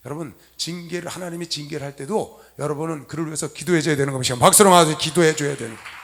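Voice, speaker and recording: A middle-aged man preaching a sermon to young people in a convention hall, telling stories with loud stresses and soft asides. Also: on the high side, racing. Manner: animated storytelling, swinging from loud emphasis to soft asides. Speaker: pastor.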